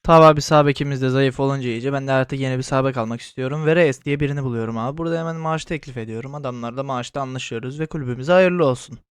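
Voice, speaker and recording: A man commentating his own football management game, chatting casually and shouting at his players as the match heats up. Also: mid-range voice, rapid-fire, few pauses, clear, resonant tone, no room sound. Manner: shouts encouragement at players, rising to yells; says "abi" constantly in casual chat. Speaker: gaming YouTuber. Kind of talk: excited gameplay commentary.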